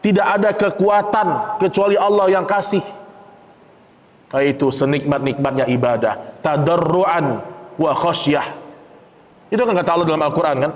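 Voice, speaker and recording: A man preaching a casual sermon in a mosque. He talks to the men as "Pak" and acts out a child's whining pleas. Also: on the high side. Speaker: Islamic preacher. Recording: long reverb of a mosque hall.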